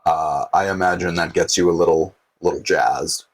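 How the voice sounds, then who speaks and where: A man narrating as game master of a tabletop game, relaxed and searching for words with many fillers. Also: low voice, normal speed, low-quality recording.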